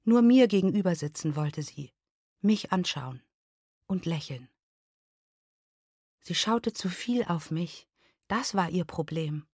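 Woman giving an expressive literary reading. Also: mid-range voice, no echo, studio quality. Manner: measured, expressive first-person narration. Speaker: reader.

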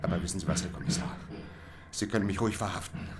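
A man's voice: low voice, fast talker, noisy background, natural voice. An actor playing a lonely, anxious young man who talks to an imagined inspector and breaks into pained groans. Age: young adult. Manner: anxious monologue, groaning in pain.

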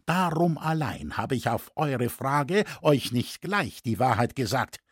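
A man reading a proud, defiant older woodcarver in a husky voice. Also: medium pitch, big pitch swings, unhurried, no room sound, studio quality. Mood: earnest.

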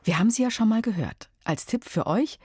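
A woman's voice: on the high side, expressive, fairly quick, a little mellow, breathy edge, no room sound. A woman host speaking directly to young listeners, giving a friendly quiz tip between story parts.

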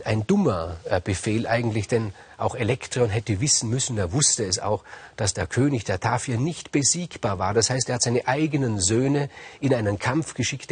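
Husky-voiced man retelling myths. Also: medium pitch, no echo. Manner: halting, with fillers and restarts. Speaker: storyteller. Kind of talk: casual oral retelling of myths.

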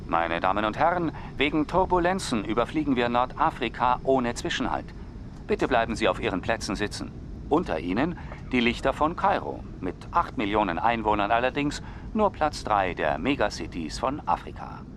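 A man's voice: mid-range voice, big pitch swings, normal speed, lightly acted. A man playing an airline captain who makes formal flight announcements to the passengers, with a dry, joking edge. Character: male airline captain making cabin announcements. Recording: clear vehicle engine noise behind.

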